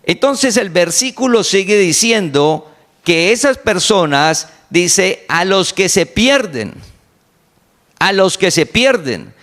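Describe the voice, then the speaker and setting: A man preaching a sermon to his congregation, repeating key phrases slowly for emphasis. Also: high-pitched, sing-song, a bit bright. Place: online congregation meeting.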